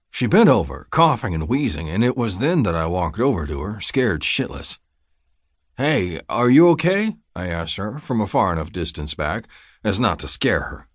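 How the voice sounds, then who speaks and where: Audiobook reader, male, lowish voice, dry close mic, steady gritty first-person storytelling. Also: no room sound. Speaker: audiobook narrator. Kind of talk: scripted first-person narration.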